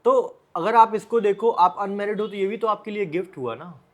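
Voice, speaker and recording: Talking straight to the viewer at a moderate pace, a high-pitched Indian man offers informal motivational advice as a vlogger. His delivery is blunt, with plenty of repeated phrases and rhetorical questions.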